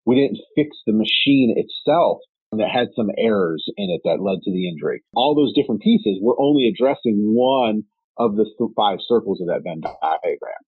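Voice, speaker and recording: A man's voice: lowish voice, animated, normal speed, husky, no echo. A man co-hosting a workplace safety podcast, explaining his points in a methodical, casual way. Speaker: podcast co-host. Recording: tinny phone-like line.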